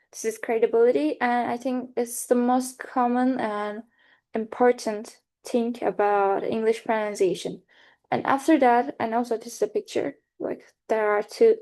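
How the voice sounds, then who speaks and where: With a fairly high pitch and warm tone, a young woman from Turkey delivers a class presentation in her Turkish accent. The student's delivery is hesitant, marked by many fillers, restarts and self-corrections.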